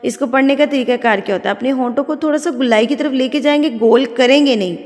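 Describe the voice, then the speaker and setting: Casting: female Quran tutor, a bit high-voiced, patient drilling of sounds, long reverb. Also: darkish tone. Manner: patient, repeats letter sounds to drill them; explains step by step, asks "theek hai?" often. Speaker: Quran recitation teacher. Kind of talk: tajweed lesson for beginners.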